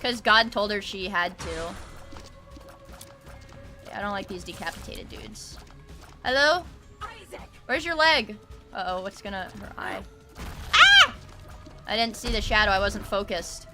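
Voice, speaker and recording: A woman streaming a game, chatting casually with excitable shrieks, gasps and swearing. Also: medium pitch, measured pace, long pauses, faint music behind. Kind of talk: casual gameplay commentary.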